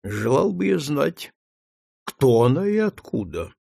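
A man's voice: mid-range voice, big pitch swings, slow, vocal fry, warm tone, slightly rough, no room sound, clean studio sound, exaggerated voice. A man voicing a blunt, questioning senator. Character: earnest middle-aged senator, a husband.

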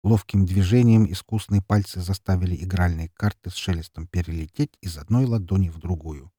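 A man reading an audiobook in an expressive, dramatic narration. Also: low-pitched, brisk, no room sound, studio quality. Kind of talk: scripted narration.

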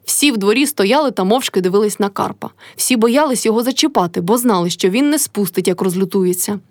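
A woman narrating a classic novel in an expressive audiobook reading. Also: medium pitch, brisk, no echo, clean studio sound. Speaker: reader.

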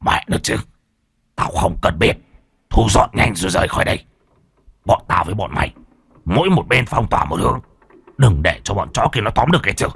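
A man's voice: lowish voice, very animated, brisk, gravelly, pauses often, a bit bright, slightly rough, dry recording, exaggerated voice. A man voicing a ruthless middle-aged bandit leader who hisses his words in an odd, slightly foreign-tinged manner. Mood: hissing orders.

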